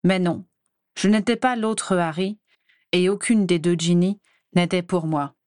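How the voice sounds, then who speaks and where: A woman reading a first-person fan-fiction audiobook in a calm, even storytelling manner. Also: lowish voice, measured pace, dry recording, studio quality. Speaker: audiobook reader.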